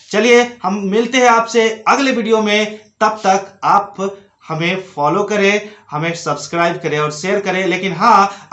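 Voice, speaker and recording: A man's voice: high-pitched, fairly bright tone, reverberant. A man teaching an English pronunciation lesson, explaining step by step and asking his students direct questions.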